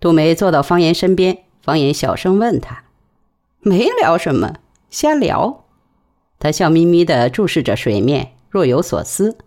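A woman narrating a novel in an expressive storytelling manner. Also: low-pitched, moderate pace, few pauses. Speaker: audiobook narrator. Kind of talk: novel reading.

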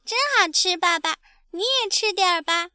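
A woman voicing a sweet, trusting baby ankylosaurus in a storybook, with a high, childlike, chirpy voice. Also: moderate pace, bright, forceful tone, dry recording, studio quality. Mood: eager.

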